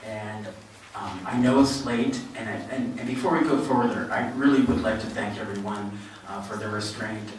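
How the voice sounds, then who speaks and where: A man's voice: fairly low pitch, fairly even intonation, moderate pace, a little hiss or hum. A man chairing a public hearing, polite and procedural, thanking people as he moves things along, heard from a distance in a hall. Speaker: meeting chair. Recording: echoey hall, distant mic.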